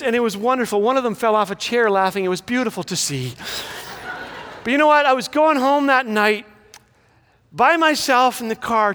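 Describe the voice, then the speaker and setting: A man's voice: very high voice, a bit bright. A middle-aged man giving a humorous, inspirational graduation speech, telling stories with comic timing. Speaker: graduation speaker. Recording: echoey hall reverb.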